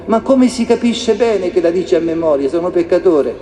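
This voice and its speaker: A man's voice: sits high, expressive, normal speed, dark tone, a little hiss or hum. A man preaching a sermon with passion, asking rhetorical questions again and again. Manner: impassioned, repeats rhetorical questions. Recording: echoey hall reverb, faint ambience.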